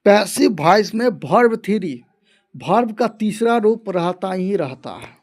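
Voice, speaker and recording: A man teaching English grammar in an online lesson, going over each point again and again and reading his example sentences out slowly, word by word. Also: high-pitched, lively intonation, darkish tone.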